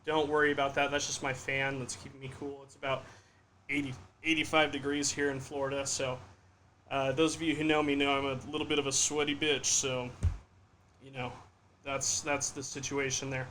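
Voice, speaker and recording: A man's voice: medium pitch, level tone, moderate pace, bright, forceful tone. A young man hosting his own podcast from home, chatting casually and rambling with lots of fillers and restarts, with a faint fan hum behind him. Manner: rambling, self-deprecating, many fillers and restarts. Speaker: podcast host. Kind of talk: casual solo livestream podcast. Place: home room in Florida with a fan running. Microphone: podcast studio microphone.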